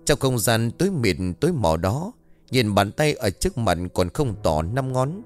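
A man's voice: mid-range voice, very animated, unhurried, faint music behind. A man narrating a scripted horror story in a dramatic, vivid storytelling manner.

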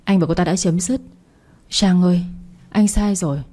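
Brief: a sorry young man read by a woman, low mellow pleading voice, storybook. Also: normal speed, lightly acted. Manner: begging, apologetic.

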